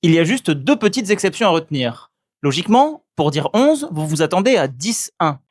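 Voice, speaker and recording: A man teaching language, giving scripted, methodical explanations and slowly sounding out example words. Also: fairly high pitch, very animated, no echo, clean studio sound. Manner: clear, methodical explanations with slow demonstrated pronunciations. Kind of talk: scripted educational narration.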